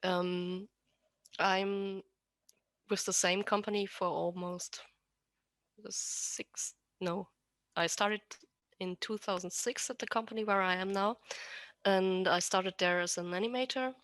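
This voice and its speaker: A woman with an Austrian accent, German being her first language, chats casually as a podcast guest about her work as a rigger, often restarting and correcting herself. Her mid-range voice is steady and fairly bright, slow with frequent pauses, in a dry recording.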